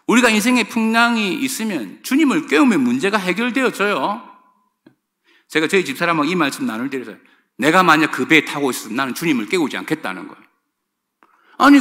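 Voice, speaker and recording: A man's voice: sits high, a bit bright. A middle-aged male pastor preaching a sermon, speaking emphatically and addressing the congregation directly. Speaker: senior pastor.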